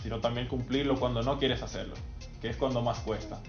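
A man's voice: mid-range voice, steady tone, a little fast, muffled recording, over music. Thoughtful young man, roomy sound. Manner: thoughtful, with frequent hesitations. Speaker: young athlete guest. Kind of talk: interview answers.

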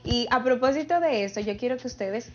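A woman hosting a broadcast interview, upbeat and quick to laugh. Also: fairly high pitch, highs cut off, a little hiss or hum. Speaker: host.

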